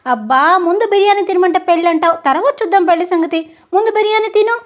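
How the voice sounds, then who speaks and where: A woman's voice: high-pitched, lively intonation, moderate pace, highs cut off. A woman voicing a selfish adult son who sweet-talks his father and snaps at him in anger. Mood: angry. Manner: sweet-talking, then snapping angrily.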